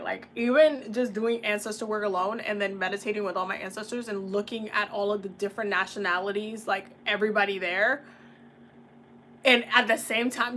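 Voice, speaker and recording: A young woman from the Dominican Republic chatting casually as a tarot reader, laughing often and using relaxed slang. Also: mid-range voice, slight background noise. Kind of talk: casual livestream chat.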